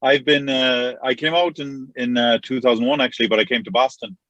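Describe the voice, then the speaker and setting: A man's voice: mid-range voice, fairly even intonation, a little fast, fairly bright tone, no room sound. Easygoing west of Ireland man, slightly dull sound. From Connemara, west of Ireland. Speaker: podcast guest. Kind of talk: casual chat. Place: inside a car.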